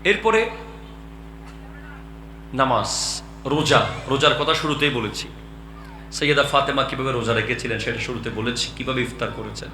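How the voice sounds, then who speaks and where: A man's voice: mid-range voice, moderate pace, pauses often, echoey room, background noise. A man preaching an impassioned sermon to a gathering, urging the crowd to call back. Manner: rising to impassioned shouts, calls crowd to respond. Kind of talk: Bengali waz sermon.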